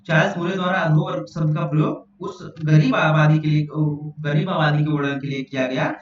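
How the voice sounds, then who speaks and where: A man's voice: fairly high pitch, steady tone, fairly quick. A man teaching an exam-prep lesson, reading out questions and answer options. He repeats phrases and keeps checking in with his listeners. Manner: repeats phrases, often says "theek hai" and "doston". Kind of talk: spoken exam question walkthrough. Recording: echoey, distant, muffled, faint hum.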